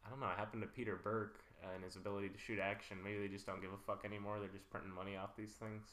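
A man with a fairly low voice talks through films in a relaxed, opinionated way, often pausing on "uh" and "like." The sound bounces around an echoey room. It comes across as casual podcast chat between friends. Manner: opinionated, laid-back, trails off with fillers. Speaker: podcast co-host.

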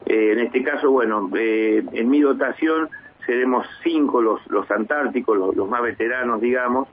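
A man in his fifties from Argentina, a base commander speaking in a measured way, with many hesitations and restarts, in a radio interview by phone. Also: medium pitch, a little hiss or hum. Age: 50s. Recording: tinny phone line.

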